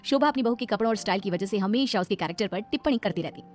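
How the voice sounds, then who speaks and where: Woman narrator, fast, matter-of-fact storybook reading. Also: medium pitch, animated, darkish tone, faint music behind.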